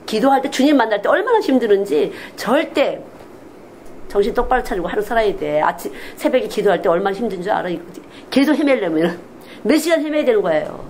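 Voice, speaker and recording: A woman's voice: a little high, fast talker, slight background noise, low-quality recording. A woman missionary preaching a Sunday sermon in a candid, confessional way, often acting out quoted speech. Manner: animated, acts out quoted speech in different voices.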